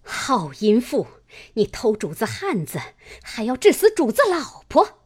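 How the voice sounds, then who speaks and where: A woman voicing a fierce, jealous young noblewoman in a dramatized novel reading, with shrill, sobbing, rapid scolding. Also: wildly swooping pitch, husky, heavily acted. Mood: raging.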